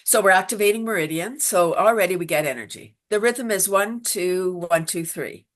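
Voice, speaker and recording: A woman teaching laughter yoga in an interview, animated and quick to laugh, acting out little voices as she explains. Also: mid-range voice. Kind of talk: enthusiastic interview talk.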